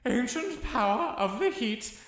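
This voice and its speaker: A woman's voice: on the high side, very animated, unhurried. A woman voicing an earnest, exasperated wizard in a comedy audio drama, fumbling over her words. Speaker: voice actor.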